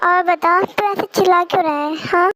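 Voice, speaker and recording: Woman voicing a rough, bossy young man. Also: very high voice, fairly even intonation, moderate pace, pushed and bright. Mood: teasing. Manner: gruff, teasing, bossy. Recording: music playing underneath.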